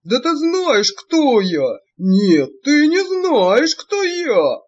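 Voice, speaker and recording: A woman voicing a loud, boastful male imp who yells threats and brags in a dull lo-fi recording. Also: sits high, very animated, very slow, husky, pitched above the performer's own voice, exaggerated voice. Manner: yelling threats, bragging.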